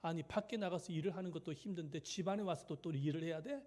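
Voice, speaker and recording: A man's voice: on the high side, fast, darkish tone, natural voice. Irritated young husband played by a male preacher, defensive, indignant retorts.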